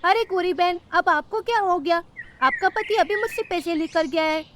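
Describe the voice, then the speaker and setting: A woman voicing a kind, generous female sparrow in a cartoon, gentle in her speech. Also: extremely high pitch, normal speed, slight background noise. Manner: gentle and giving, pleading in the dream.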